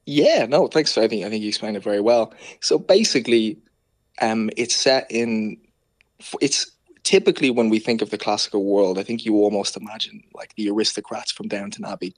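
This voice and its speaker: Lower-voiced Dublin man, close dry sound. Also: brisk, dry recording. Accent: Dublin Irish. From Ireland. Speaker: author being interviewed. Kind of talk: conversational interview answers.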